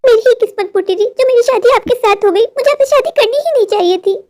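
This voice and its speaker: A woman voicing a sharp-tongued young wife. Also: very high-pitched, fast talker, slight background noise. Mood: resentful. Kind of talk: cartoon story voice acting.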